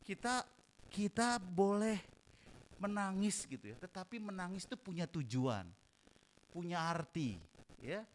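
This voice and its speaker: A man preaching a sermon as pastor, animated, moving between loud emphasis and soft asides, in a church hall. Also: high voice, a little slow, long pauses, slight background noise.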